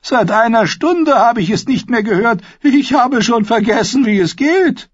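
Brief: a tart elderly noblewoman, high and biting, played by a man, dull lo-fi recording. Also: expressive, unhurried, husky, no echo, exaggerated voice. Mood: acerbic. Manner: acid, dry, cutting. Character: sharp-tongued old noblewoman leaning on a cane.

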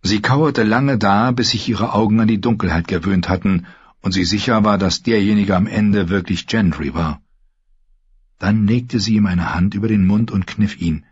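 A man narrating a story in a calm, measured storytelling manner. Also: fairly low pitch, breathy edge, dry recording. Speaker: audiobook narrator. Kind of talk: scripted narration. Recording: dull lo-fi recording.

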